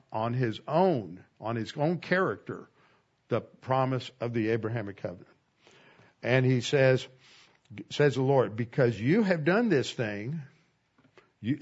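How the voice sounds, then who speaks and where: A man teaching an expository Bible lesson, slowing down to stress key words. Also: mid-range voice, lo-fi sound.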